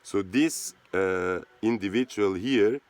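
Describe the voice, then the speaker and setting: A low-voiced man from Switzerland, host of a charity video channel, gives a casual monologue with no echo in the recording. He speaks haltingly, searching for words amid many fillers and restarts.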